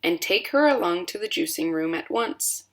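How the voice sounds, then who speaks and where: A woman's voice: lowish voice, expressive, normal speed, vocal fry, fairly bright tone. A woman voicing an eccentric male candy inventor who speaks in a rueful, matter-of-fact way.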